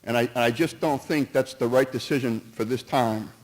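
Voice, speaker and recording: Speaking at a moderate pace in a mid-range voice, a man gives public comment at a town meeting. He's earnest and cautious in sharing his opinion, though he stumbles, begins again and jumps around between points.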